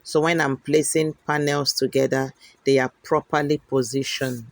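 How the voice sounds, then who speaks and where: A man's voice: medium pitch, little pitch movement, moderate pace, gravelly, no room sound. A man explaining how to cut and notch fabric pieces in a sewing tutorial. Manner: instructive, checks in with "okay?". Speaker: sewing instructor.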